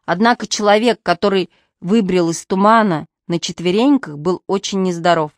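A woman narrating a humorous audiobook with lively, wry storytelling. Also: lowish voice, moderate pace, no echo.

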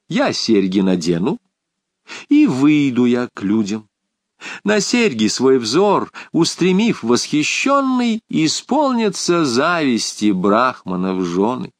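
A man's voice: medium pitch, big pitch swings, slow, no room sound, clean studio sound. A man voicing a teacher's demanding wife. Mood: instructing.

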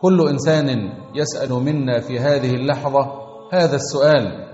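A male preacher exhorts his listeners in an earnest, rhythmic sermon, with his phrases often repeated in sequence. His voice sits at a middle pitch. The sound is muffled and carries a long, roomy reverb, with faint music underneath. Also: fairly quick, mellow.

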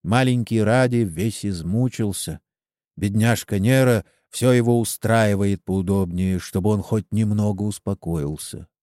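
A man narrating a sad storybook in an expressive, sorrowful way. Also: on the low side, measured pace, no echo, studio quality. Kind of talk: storybook reading.

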